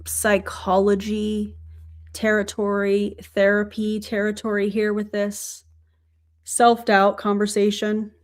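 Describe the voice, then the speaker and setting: A woman's voice: medium pitch, completely flat delivery, slow pace. A woman hosting a casual livestream, chatting and thanking viewers from the chat. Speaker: livestream host.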